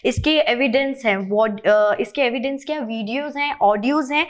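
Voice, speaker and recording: A woman's voice: on the high side, normal speed. A woman hosting a talk show, explaining things earnestly. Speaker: host.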